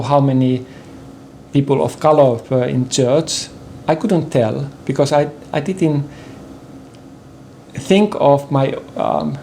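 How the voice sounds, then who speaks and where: An older Finnish-accented man speaks slowly and haltingly, stopping for fillers and clearing his throat. His voice is dark and gravelly. He is a native Finnish speaker who chooses his English words carefully. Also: medium pitch, slight background noise. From Finland. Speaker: interview guest, partner in conversation. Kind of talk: personal conversation on a sofa. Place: indoor living room with bookshelves.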